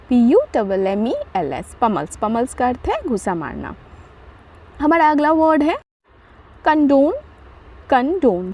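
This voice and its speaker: A woman teaching vocabulary in a slow, explanatory way, spelling words out letter by letter and answering her own questions. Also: high-pitched, warm tone, husky. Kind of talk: vocabulary lesson.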